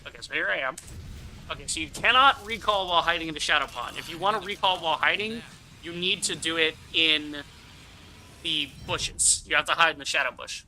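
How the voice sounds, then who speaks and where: Bright, forceful male game streamer. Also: on the high side, fairly quick, slight background noise. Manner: rambling, thinking aloud; casually profane. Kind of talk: casual first-impressions game commentary.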